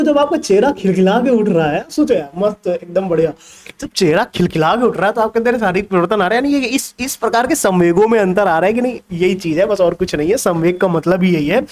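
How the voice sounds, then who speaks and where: A young male teacher leads an online exam revision class with a fairly high voice. He teases his students, keeps asking whether they understand, and slips English terms into his explanations. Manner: lively, teasing, mixes Hindi with English terms, asks students questions. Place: indoors with a laptop.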